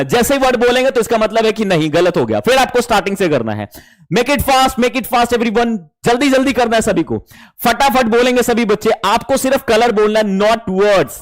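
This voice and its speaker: A man teaching an online class, lively and animated, mixing Hindi and English. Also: high-pitched.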